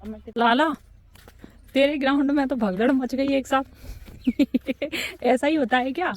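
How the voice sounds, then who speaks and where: Chatty woman vlogging outdoors, high voice. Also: a little slow. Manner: chatty, narrates to camera. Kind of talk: casual vlog chat. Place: outdoors by a ground and trees.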